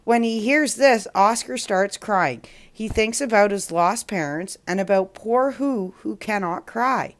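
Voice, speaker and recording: A woman hosting a children's story show, reading a picture book aloud in a slow, expressive way. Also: mid-range voice. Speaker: storyteller host.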